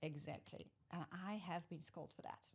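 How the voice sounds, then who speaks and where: A Polish woman in her forties, whose first language is Polish, speaks as a podcast guest and executive coach in a conversational interview. Her voice sits low with a breathy edge and moves at a normal speed. She is reflective, searching for words, correcting herself, and letting out soft laughs.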